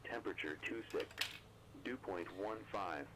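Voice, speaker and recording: A low-pitched man's voice heard as an automated airport weather broadcast on the radio. He reads winds, temperatures and the altimeter in a flat, even monotone. A faint hiss sits beneath the recording. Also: unhurried. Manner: flat, even reading of numbers and conditions. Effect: automated airport weather broadcast over the radio.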